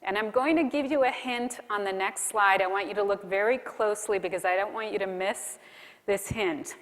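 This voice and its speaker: In a large conference hall with long reverb, a woman gives a conversational keynote on content marketing, putting questions to the audience as she goes. Her voice is medium-pitched and her pace normal.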